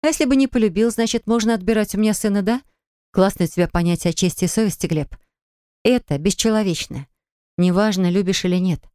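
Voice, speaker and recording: A woman narrator voicing an indignant, stubborn young woman in an audiobook, answering in sharp, reproachful retorts. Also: mid-range voice, fast, smooth, no echo, clean studio sound, voice pushed up, natural voice. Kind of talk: audiobook character reading.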